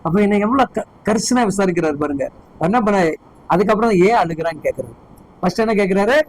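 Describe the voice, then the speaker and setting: A man's voice: high-pitched, animated, quick pace, low-quality recording. A man preaching a sermon as pastor, fervently firing repeated questions at his congregation.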